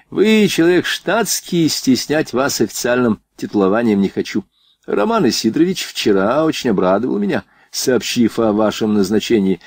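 A courteous, formal officer, read by a man, apologizing with old-fashioned politeness. He speaks with a slight burr, in a lively, rising voice on a dry, close recording. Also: on the low side, dry recording. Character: courteous older male engineer officer.

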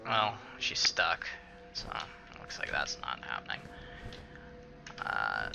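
A man hosts a casual let's play video over game music, his rumbling, gravelly low voice moving slowly in a sing-song way. He mutters, swears and talks to the game's characters.

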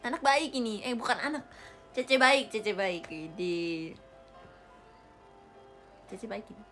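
A young Indonesian idol streamer reads viewer comments playfully on a phone or webcam livestream, giggling often. Her mid-range, fairly bright voice is animated yet slow, with faint music behind her in an air-conditioned indoor room.

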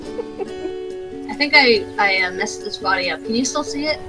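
High, giggly woman over game music. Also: measured pace. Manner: giggly, excitable, laughs a lot. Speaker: game streamer. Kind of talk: casual gameplay chat.

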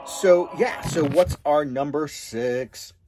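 A middle-aged man co-hosting an RV travel channel explains options steadily in a casual chat peppered with ums and uhs, set in a small indoor room in front of a green screen. He speaks slowly, with a fairly high pitch, over music.

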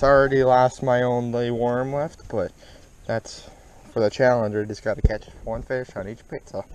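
A man's voice: lowish voice, darkish tone. A young man with a Midwestern American accent giving upbeat casual commentary while fishing from a kayak on a lake, recorded on a head-mounted action camera. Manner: upbeat, chatty, talks while working the rod. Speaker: fishing vlogger. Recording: noisy outdoor camera audio.

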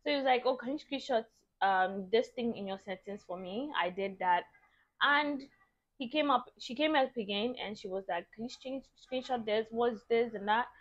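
Animated Ghanaian woman vlogger, lo-fi sound. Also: fairly high pitch, moderate pace. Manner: animated, exasperated retelling. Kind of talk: casual storytelling to camera. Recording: dull lo-fi audio.

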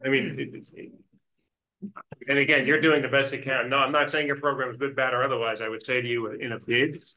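A man's voice: mid-range voice, fairly even intonation, brisk, highs cut off. A man giving informal, explanatory background at a town council meeting. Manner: explanatory, informal, restarts often. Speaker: waste industry advisor. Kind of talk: public meeting discussion. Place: council chamber.

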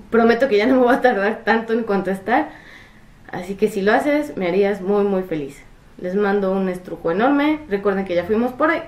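Mexican woman vlogger, soft reflective advice, mid pitch, echoey room, faint guitar bed. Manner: soft, reflective, trails off quietly. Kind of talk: casual heartfelt advice to camera.

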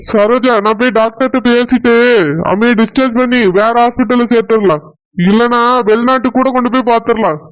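A man voicing a worried, gentle young husband in a cartoon, soothing his wife in Tirunelveli Tamil. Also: extremely high pitch, steady tone, fairly quick, clean tone, poor audio. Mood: anxious. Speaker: cartoon character.

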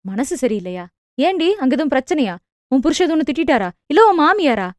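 Woman voicing a fretful, fast-talking mother. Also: high-pitched, sing-song, dry recording, studio quality. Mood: anxious. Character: anxious talkative middle-aged mother, defensive.

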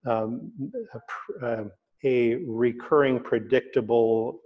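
Older guy on a webcam call, steady middle voice, lots of ums and restarts. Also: medium pitch, dull audio. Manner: measured, explanatory, with fillers and restarts. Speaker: company CEO guest. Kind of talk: remote video interview. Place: indoor room, plain wall behind. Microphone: webcam video call.

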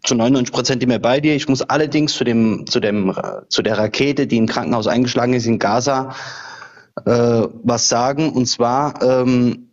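A man's voice: medium pitch, steady tone. Male livestream debater, mid-range voice, hesitant repetitive delivery, dull call audio. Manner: halting, repeats phrases. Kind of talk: casual live debate.

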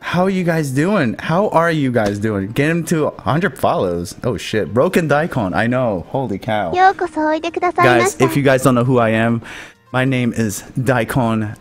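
A man's voice: mid-range voice, huge pitch swings, measured pace. A young man streaming live, overexcited, stammering and laughing often between words. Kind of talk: excited live stream chat. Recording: faint background music.

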